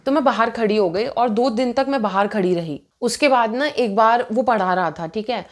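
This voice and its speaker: A woman's voice: on the high side, normal speed. A woman in her twenties casually telling a personal story to camera, chatty and indignant, switching between Hindi and English mid-sentence.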